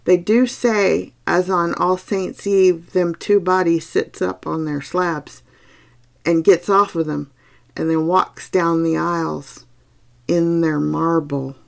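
A woman voicing an old peasant housekeeper woman who is placid and superstitious, speaking slowly in a hushed rural dialect. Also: fairly low pitch, steady tone, creaky. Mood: hushed ominous.

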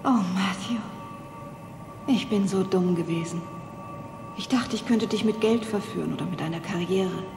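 A woman's voice: mid-range voice, moderate pace, gravelly, long pauses, lightly acted. A woman playing a seductive, menacing demonic temptress in a dubbed horror film, scornful, imperious and theatrical. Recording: echoey hall, film music behind.

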